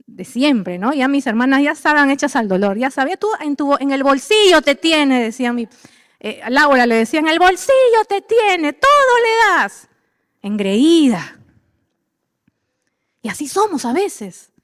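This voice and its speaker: A woman's voice: sits high, no room sound, studio quality, in a large hall. A middle-aged woman pastor, preaching animatedly and acting out the voices of believers and of God. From Peru. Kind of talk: sermon.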